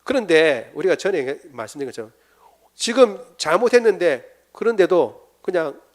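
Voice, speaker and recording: A man's voice: fairly high pitch, very animated, moderate pace. A man preaching at a church prayer seminar, often asking his listeners questions and acting out the lines of biblical figures. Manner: asks the congregation questions and acts out quotes. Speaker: pastor. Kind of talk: sermon seminar teaching.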